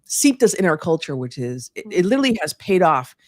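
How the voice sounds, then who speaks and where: This guest speaker is a Puerto Rican woman whose first language is Spanish, and she answers interview questions earnestly, restarting often, saying "you know," and slipping in Spanish phrases. Her deep voice is very animated and brisk, captured in a dry, studio-quality recording.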